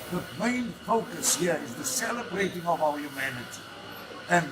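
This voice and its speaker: A man's voice: a little high, rough recording. A man speaking fervently about a celebration, building up lists of repeated phrases. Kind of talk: interview statement. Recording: outdoors with a loud crowd behind.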